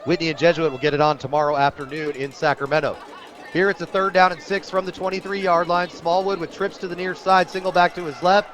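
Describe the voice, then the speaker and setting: A faint crowd can be heard as an American play-by-play man briskly calls a live high school football game on radio. Favoring the home team, he turns excitable on big plays.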